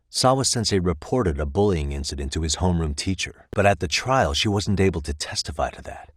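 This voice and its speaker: Clean studio audio without room sound captures a low-voiced man performing a video game private detective, streetwise and determined. He uses an American accent, and his delivery is measured, probing and bluntly persuasive.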